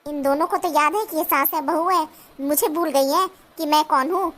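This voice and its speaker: A woman's voice: high-pitched, moderate pace, fairly bright tone. A woman voicing a young husband stuck between his mother and his wife in a cartoon. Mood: placating. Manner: pleading, placating.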